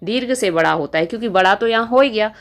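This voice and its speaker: A woman teaching Hindi grammar in a lesson video, explaining slowly, repeating key terms and asking rhetorical questions. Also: medium pitch. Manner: slow, repetitive explaining with frequent rhetorical questions.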